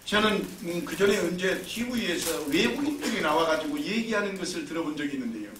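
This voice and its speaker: Preacher man giving a sermon, high voice, far from the mic with a bit of hiss in the room. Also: fast. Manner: storytelling, lively and emphatic. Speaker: pastor. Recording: roomy, distant mic, faint noise.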